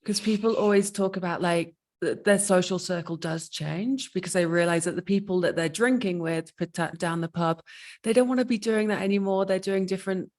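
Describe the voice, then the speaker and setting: A woman hosting a casual interview, asking chatty questions and cheering her guest on with quick affirmations. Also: medium pitch, a little mellow. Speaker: interview host.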